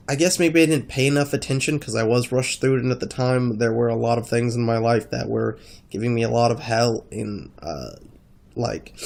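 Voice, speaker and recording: A man with a congested, stuffy-nosed voice talking casually in a rambling gaming vlog, halting as he thinks. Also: mid-range voice, a little mellow. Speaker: gaming video creator.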